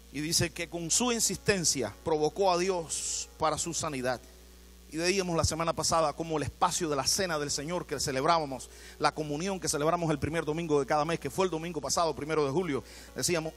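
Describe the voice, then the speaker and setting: A male pastor delivering an animated sermon in church, asking his congregation questions. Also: fairly high pitch, fairly quick, soft background music.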